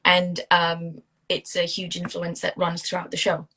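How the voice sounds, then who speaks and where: Woman, 30s, from Singapore, interview guest; bright tone, rambling and filler-heavy. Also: on the low side, monotone, a little slow, husky, low-quality recording. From India, raised in Singapore. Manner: chatty, with many fillers and restarts. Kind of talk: casual interview over a phone call.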